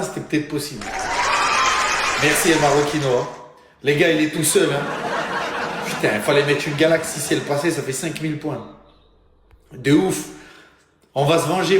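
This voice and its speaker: A man's voice: on the high side, a little hiss or hum. A man chatting and swearing during a live gaming stream, his voice coming through with a heavy cavernous echo. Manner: swears and rallies the team, shouting bursts. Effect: heavy cavernous echo on his audio feed. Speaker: streamer joining a live game session. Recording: very echoey feed with loud music behind.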